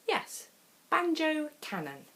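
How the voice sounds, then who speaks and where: A woman reads a picture book aloud to young children as a storyteller, animated in her reading. She takes it unhurriedly, her pitch rising and falling in a lively way. Expressive and deliberate, she leaves dramatic pauses between short phrases.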